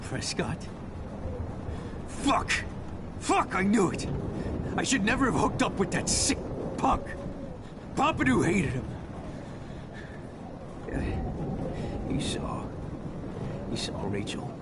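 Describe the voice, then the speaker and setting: A man playing a rough, grief-stricken, foul-mouthed video game character, halting and anguished. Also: high-pitched, very animated, full character voice. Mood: angry grief. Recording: loud storm noise behind.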